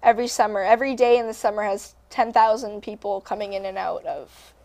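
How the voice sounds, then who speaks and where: A woman's voice: mid-range voice, fairly even intonation, brisk, darkish tone. A teenage girl from Canada, a country singer, chatting upbeat in an interview with plenty of ums and likes. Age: teens. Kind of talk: casual interview.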